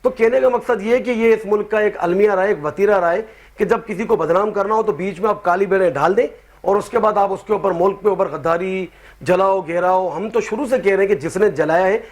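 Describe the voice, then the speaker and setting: A man's voice: high voice, brisk. A male party representative arguing his case on a talk show, firing off rhetorical questions. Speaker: party spokesman guest. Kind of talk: heated political debate.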